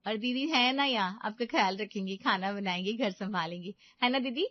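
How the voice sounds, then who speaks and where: A woman's voice: medium pitch, moderate pace, dry recording, lightly acted. A woman voicing a clever young daughter-in-law who sweet-talks to get her way. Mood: coaxing. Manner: sugary, coaxing. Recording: dull dry lo-fi recording.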